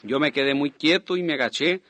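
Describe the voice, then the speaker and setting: Bright-voiced man narrating a sermon story. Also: on the high side, fairly quick, no room sound. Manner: animated storytelling, acts out quotes. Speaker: Spanish voice-over of a preacher.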